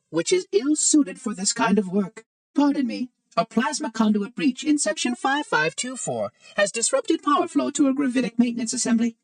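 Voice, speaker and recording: A man performs a video game role as an ancient robot monitor, fussy and prim, with precise, formal, curiously upbeat lines under light robotic processing. The very high-pitched, heavily acted delivery is polite and brisk, captured dry on a distant mic.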